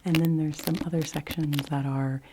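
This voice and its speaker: A woman talking about books in a soft-spoken, hushed ASMR style close to a library whisper, gently delivered. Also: deep voice, steady tone, moderate pace, noisy background. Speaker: book reviewer.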